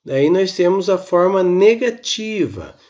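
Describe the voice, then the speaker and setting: Slow-paced male teacher explaining grammar. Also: high voice, animated, darkish tone, lo-fi sound. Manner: slow, explains step by step and drills examples. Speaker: English teacher. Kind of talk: recorded online grammar lesson.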